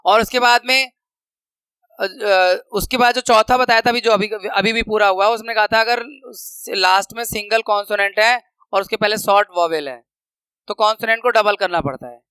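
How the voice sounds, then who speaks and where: A man teaching a grammar lesson, patiently explaining slides and slowly repeating example words. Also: high voice, pushed and bright, clear, resonant tone, no room sound, rough recording.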